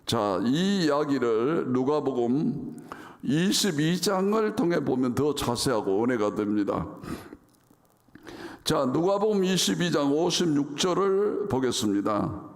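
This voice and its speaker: A man's voice: a little high, big pitch swings, unhurried. A man preaching a sermon as pastor in a church, reading scripture dramatically and acting out the quoted lines. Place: church sanctuary. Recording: reverberant church sanctuary.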